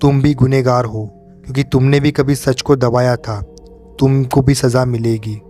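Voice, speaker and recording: Creepy bloody reflection guy, cold slow accusing voice, a man doing it. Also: mid-range voice, steady tone, warm tone, faint music behind, lightly acted. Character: cold, blood-soaked male mirror double.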